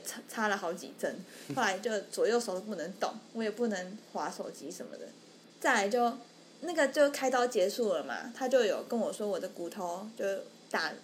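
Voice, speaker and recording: Here a young woman, one of a podcast's co-hosts, shares a story in casual conversation and plays the people she quotes. Her voice is medium in pitch, with slight background noise.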